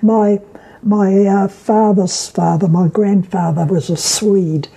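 An elderly woman with a New Zealand accent and a husky voice, reminiscing haltingly as she is interviewed at home. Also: mid-range voice, steady tone, warm tone. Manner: halting, reminiscing, with repeated words and pauses. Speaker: oral history interviewee. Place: at home, indoors.

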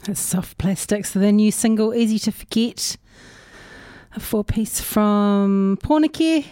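A woman's voice: medium pitch, slow pace, mellow, clean tone. A woman with a New Zealand accent hosting a community radio music show, chatting casually in musing, unscripted asides. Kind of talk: casual radio chat between songs. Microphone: close radio studio microphone.

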